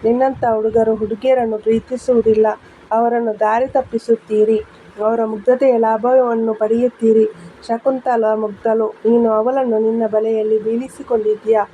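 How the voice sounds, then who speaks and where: A sharp, scolding middle-aged stepmother , as a woman reads her lines in a spoken storybook. The voice sits a little high yet stays flat and mellow. It comes through a dull lo-fi recording with a faint hiss. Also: moderate pace, natural voice. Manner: sharp, accusing.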